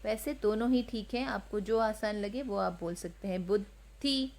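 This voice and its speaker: A woman who teaches chanting of Sanskrit verses. She chants each line slowly, then patiently explains how to pronounce it. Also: medium pitch, a little mellow. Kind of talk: slow chanting lesson with spoken explanations.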